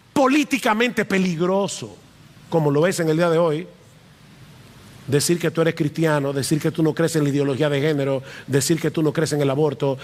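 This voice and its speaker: High-voiced male pastor in a reverberant hall. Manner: emphatic, repeats key phrases for stress. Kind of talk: preaching a sermon. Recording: long reverb of a large hall.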